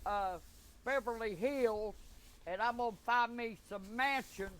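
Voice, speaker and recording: A crotchety eighty-year-old grandma who curses nonstop, with a piercing high old-lady falsetto. She rants and defies every rule thrown at her. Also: unhurried, crowd noise. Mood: defiant ranting. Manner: profane, defiant, ranting. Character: foul-mouthed cranky old granny, eighty. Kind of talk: comedic character skit.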